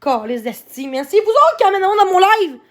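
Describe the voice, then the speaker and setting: High-voiced Québécois woman ranting. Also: very animated, a little fast. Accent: Québécois French. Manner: heated, swearing, shouting at chat. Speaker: livestreamer. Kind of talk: angry livestream rant.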